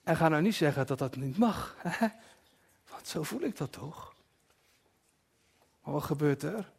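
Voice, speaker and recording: Husky high-voiced man preaching. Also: animated, unhurried. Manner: personal, confessional, with soft dropped asides. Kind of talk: sermon.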